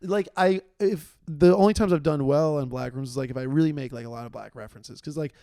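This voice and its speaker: A man's voice: a little high, quick pace, mellow, no room sound, clean studio sound. A man, a stand-up comedian, chatting casually on a podcast, rambling and restarting his sentences and laughing through his stories.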